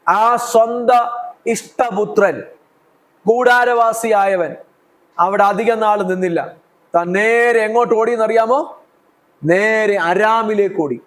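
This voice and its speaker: High-voiced Malayali pastor preaching emphatically. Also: male voice, poor audio. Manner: emphatic, repeats phrases, asks the congregation questions. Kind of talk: sermon.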